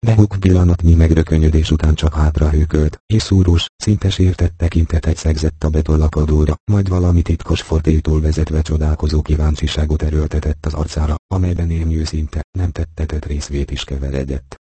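A man narrating an audiobook in a steady, measured way. His voice sits extremely low and very dark, with a husky grain, recorded dry and close. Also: no echo.

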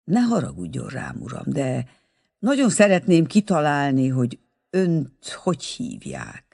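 A man's voice: on the high side, wildly swooping pitch, creaky, darkish tone, slightly rough, full character voice. A man voicing a friendly young man who speaks courteously and teasingly. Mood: cheerful.

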